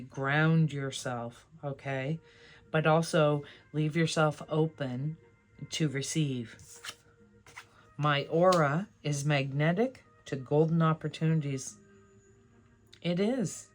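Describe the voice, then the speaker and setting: A tarot card reader hosting a casual pick-a-card reading, speaking to viewers in an encouraging, affirming and conversational way. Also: medium pitch.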